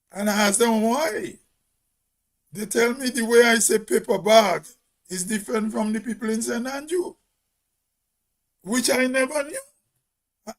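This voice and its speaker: A Grenadian man giving a spoken commentary in an emphatic, preachy way, as if on radio. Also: very high voice.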